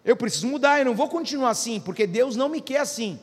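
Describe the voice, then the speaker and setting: A man with a very high-pitched voice preaches a sermon to his congregation. He keeps throwing questions back at the listeners and waits for their replies. His voice rings with the long reverb of a church hall. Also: animated, fast, husky. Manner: preaching with frequent call-and-response questions to the congregation. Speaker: pastor.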